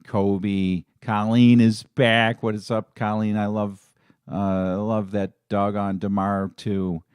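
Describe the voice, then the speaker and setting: A man's voice: on the low side, little pitch movement, slow pace, a little mellow, smooth, no echo, clean studio sound. A middle-aged man hosting a fan live stream, talking in a casual, emotional and rambling way with many restarts. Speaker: fan channel host.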